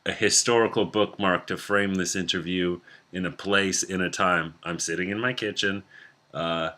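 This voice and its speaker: A man hosting a podcast interview, talking in a relaxed, chatty way from his kitchen. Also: deep voice, normal speed. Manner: relaxed, chatty, laughs easily. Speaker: podcast host. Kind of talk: casual interview chat.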